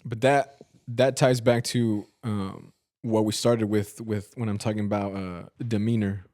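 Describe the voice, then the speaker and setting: A man hosting a relaxed, faith-based podcast chat, his voice sitting fairly low. He talks in an easygoing, encouraging way, and the sound is dry and close. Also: measured pace, dry recording. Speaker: podcast host.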